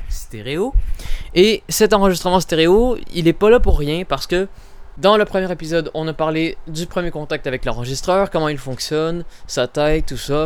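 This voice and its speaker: A Canadian podcast host with a voice on the high side reviews audio recorders in a chatty, informal demo, narrating each of his movements step by step. He's in a small home studio and a narrow hallway, first recorded on the recorder's internal mic and later on binaural in-ear microphones.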